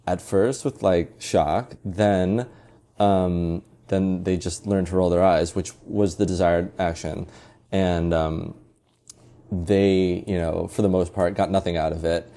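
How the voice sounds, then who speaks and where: A young man with a very low, dark voice chats casually as a podcast guest. His delivery is dry and sarcastic as he tells stories. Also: steady tone, slow pace. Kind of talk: casual chat.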